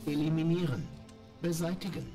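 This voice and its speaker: An actor voicing a malfunctioning male robot companion that reports system errors in clipped, flat phrases, with game music behind. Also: fairly high pitch, moderate pace, natural voice. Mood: mechanical. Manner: clipped, flat machine reports in single words. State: glitching, malfunctioning. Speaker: game character.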